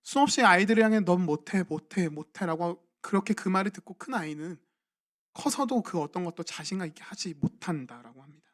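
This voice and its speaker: A man's voice: high-pitched, expressive, fast talker, fairly bright tone. Young guy preaching at a weeknight church service, chatty, keeps asking the congregation questions. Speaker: junior pastor. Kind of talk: sermon. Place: church sanctuary at a midweek evening service.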